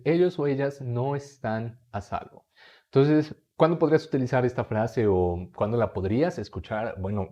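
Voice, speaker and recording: Patient man teaching, mellow voice. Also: on the low side. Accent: Mexican Spanish. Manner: patient, repeats phrases slowly for learners. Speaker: English teacher. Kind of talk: explaining lesson to viewer.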